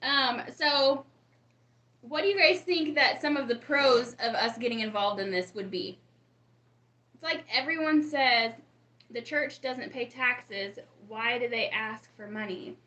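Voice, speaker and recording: A woman talks loosely and warmly to viewers on a home live stream, greeting them by name as they arrive. Her voice is bright and a little high. The room around her has a noticeable echo. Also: unhurried. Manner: chatty, reads and greets viewers from the chat. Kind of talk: casual live-stream chat. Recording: roomy echo.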